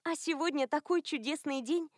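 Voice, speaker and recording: A gentle, naive young woman speaks in bright, breathless exclamations, as a woman reader voices her. Her voice is raised and high, and the recording is dry and close. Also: normal speed, no echo, lightly acted. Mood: cheerful.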